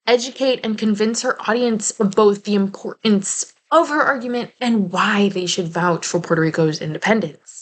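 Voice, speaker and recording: A young woman from New Jersey giving a casual video essay commentary, chatty and prone to playful asides. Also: mid-range voice. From New Jersey, United States.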